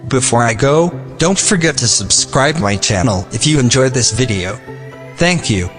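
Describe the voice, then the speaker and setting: A synthetic male text-to-speech voice like an old speech synthesizer, reading a scripted narration in a flat, mechanical manner. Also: mid-range voice, moderate pace. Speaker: video narrator. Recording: long reverb, music behind. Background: music.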